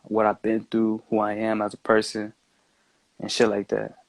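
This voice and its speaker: A man's voice: fairly low pitch, monotone, normal speed, vocal fry, no room sound. A man talking as a podcast guest in a loose, meandering, slangy way, peppered with filler words. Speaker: podcast guest, music maker. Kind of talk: casual chat, slangy.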